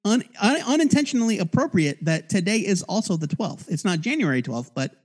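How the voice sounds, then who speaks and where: High-voiced, halting podcast co-host man. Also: big pitch swings, breathy edge. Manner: halting, restarts words, many fillers. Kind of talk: casual chat.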